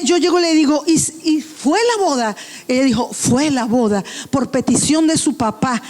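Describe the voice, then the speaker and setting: A woman pastor preaching a sermon, telling a story with quoted dialogue in a passionate, emotional way. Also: high-pitched.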